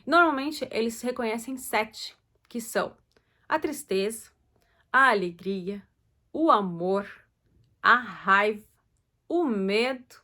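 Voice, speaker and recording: A woman's voice: fairly high pitch, expressive, takes it slowly, long pauses, bright, forceful tone. Chatty woman giving parenting advice. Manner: chatty, loose, many fillers and self-corrections. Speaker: host talking to parents. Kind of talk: casual advice talk.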